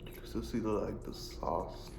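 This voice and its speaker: A man's voice: lowish voice, normal speed. A man chatting casually to his viewers as a vlogger. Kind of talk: casual vlog chat to viewers. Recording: echoey room, clear background noise.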